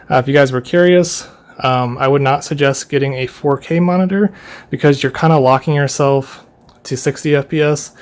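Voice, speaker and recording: A young man talks through a tour of his own bedroom at a middle pitch. His speech is relaxed and rambling, with plenty of "uh"s and small laughs, like he's filming an unscripted walkthrough. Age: young adult. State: running out of breath. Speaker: YouTuber giving a room tour. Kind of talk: casual room tour vlog.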